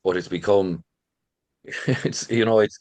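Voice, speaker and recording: A middle-aged man from rural Ireland, who manages a visitor centre and tells local folklore, shares tales informally in an interview with a lilting, conversational storyteller's manner. His lowish voice is steady and a little mellow, he speaks slowly, and the recording is dry.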